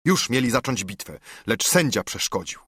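A man narrating epic poetry in a measured, rhythmic reading. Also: mid-range voice, very animated, a bit bright, breathy edge, no room sound, studio quality.

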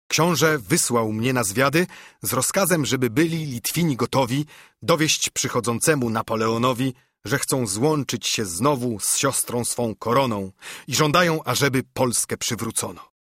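A man's voice: mid-range voice, a bit bright, no echo, studio quality. A man voicing a fervent old monk who urges others to rise up, in an impassioned audiobook verse reading. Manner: impassioned, urging.

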